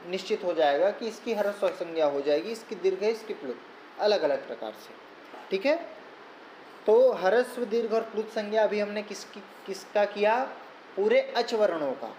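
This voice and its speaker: A man's voice: sits high, darkish tone. A man teaching Sanskrit grammar in a recorded lesson, explaining patiently step by step and repeating key points. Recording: echoey room with faint background noise.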